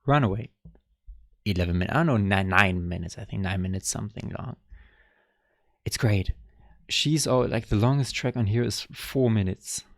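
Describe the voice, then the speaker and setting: A man's voice: fairly low pitch, moderate pace, creaky, long pauses, no echo, clean studio sound. A young man casually reacting to an album, thinking aloud in a rambling, hesitant way. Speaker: music reaction vlogger.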